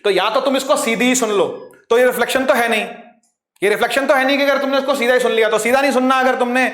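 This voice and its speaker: High-voiced man teaching physics. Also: steady tone, racing, a bit bright. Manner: explains patiently, addresses students as "beta" and keeps checking they follow. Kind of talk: online class lecture. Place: teaching at a board. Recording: echoey room.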